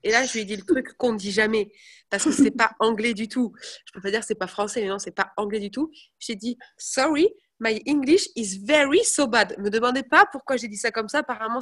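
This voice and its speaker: A young woman chatting casually to her viewers, telling animated stories. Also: fairly high pitch. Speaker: network marketing presenter. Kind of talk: casual live chat.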